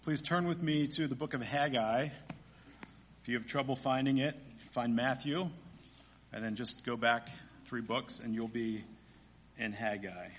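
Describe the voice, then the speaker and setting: Male preacher at a pulpit microphone; earnest, measured sermon delivery. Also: medium pitch, fairly bright tone, a little hiss or hum. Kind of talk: sermon with scripture reading and prayer.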